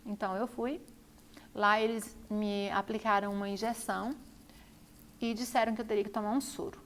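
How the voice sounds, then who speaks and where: A woman's voice: mid-range voice, level tone, normal speed, a little hiss or hum. A woman telling her own story to camera, repeating phrases for emphasis. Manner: repetitive, emphatic retelling. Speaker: vlogger.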